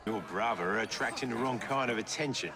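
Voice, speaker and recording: An actor playing a smug, menacing Victorian gang boss in a game, with a taunting manner. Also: male voice, mid-range voice, fairly quick, noisy background, close to an everyday voice. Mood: veiled threat. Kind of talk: video game cutscene acting.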